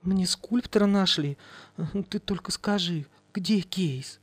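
A man voicing a scheming woman desperate for money, pleading in a wheedling, high-pitched voice. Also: slow, slightly rough, dry recording, exaggerated voice.

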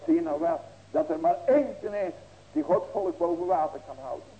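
A man's voice: high voice, big pitch swings, normal speed, gravelly, dark tone, dull audio. A man in his sixties preaching as a pastor, earnest and folksy, with rhetorical questions and emphatic ringing cries. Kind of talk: sermon.

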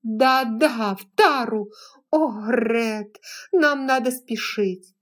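A woman voicing a willful young Southern belle who pleads in a shrill voice that breaks into sobs. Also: very slow. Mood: urgent.

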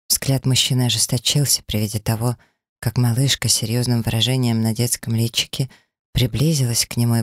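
A man's voice: medium pitch, no echo, studio quality. Man narrating an audiobook. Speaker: audiobook reader.

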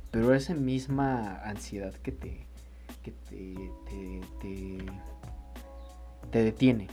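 A man co-hosting a podcast, chatting casually about song lyrics in an animated way, swearing freely and thinking aloud with restarts. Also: lowish voice, slow, soft background music. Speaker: podcast co-host.

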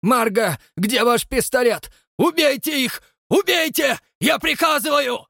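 A man's voice: extremely high pitch, expressive, measured pace, creaky, pushed and bright, no echo, studio quality, pitched above the performer's own voice, heavily acted. A man voicing an enraged older father who screams demands and orders killings. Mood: furious.

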